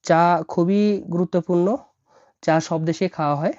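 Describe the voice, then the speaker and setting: Woman language tutor, deep and mellow, patient letter-by-letter explainer, lo-fi sound. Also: fairly even intonation, normal speed, dry recording. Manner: spells words out letter by letter, repeats each word. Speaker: language teacher. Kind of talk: slow explanatory lesson. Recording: dull lo-fi dry recording.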